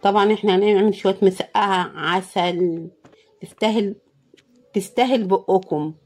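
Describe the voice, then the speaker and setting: Narrating her cooking at normal speed, a tired-sounding woman vlogger speaks casually in a hoarse, worn mid-range voice with an Egyptian Arabic accent, frequently murmuring thanks to God.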